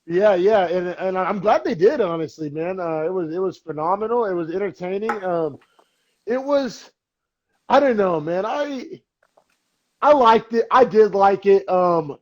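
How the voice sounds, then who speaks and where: A man's voice: sits high, lively intonation, a little slow, highs cut off. A young man co-hosting a sports podcast, talking in a loose, rambling way with lots of fillers. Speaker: podcast co-host. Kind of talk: casual sports chat.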